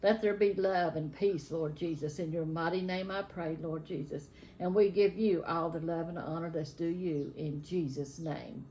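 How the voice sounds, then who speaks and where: A woman's voice: lowish voice, fairly even intonation, normal speed, dark tone, low-quality recording. An older woman with a Southern US drawl, speaking in a folksy, plain-spoken way like a home vlogger. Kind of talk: casual chat and spontaneous prayer. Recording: faint background noise.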